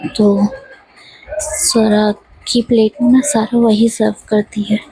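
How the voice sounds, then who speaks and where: A woman retells a love story in a relaxed, chatty way, stumbling over names and correcting herself as she goes. Her voice is very husky and breathy, with a mellow, dark tone. She stays in a narrow, level pitch band throughout. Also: takes it slowly, dry recording. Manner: chatty, with many fillers and self-corrections of names.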